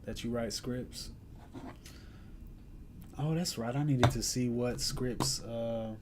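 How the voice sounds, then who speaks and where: Young male streamer host, unhurried slangy chat, mid pitch, faint background hiss. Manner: laid-back, slangy, chuckling. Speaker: day trading livestream host. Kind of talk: casual live-stream chat.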